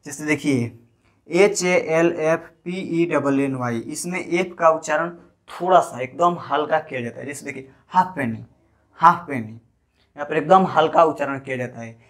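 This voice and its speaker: A man, speaking a little high for a man, talks viewers through an English spelling lesson. He goes over each rule more than once and spells words out letter by letter. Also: moderate pace. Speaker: English teacher.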